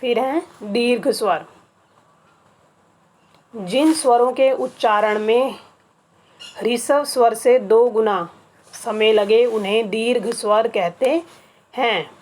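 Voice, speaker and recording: A woman with a darkish, fairly high voice teaches a grammar lesson to children. She is patient, spelling things out slowly and repeating each item one by one.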